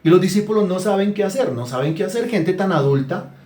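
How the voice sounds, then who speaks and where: Male pastor, animated colloquial sermon, high-pitched, roomy hall sound. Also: a little fast. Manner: animated, colloquial preaching with rhetorical questions. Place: church hall.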